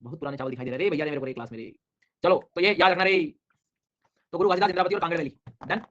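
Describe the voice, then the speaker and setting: Male teacher, fast talker, lo-fi audio, energetic drill-style lecturing. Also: a little high. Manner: energetic, coaxing students with repeated memory drills. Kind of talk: online exam-prep lecture.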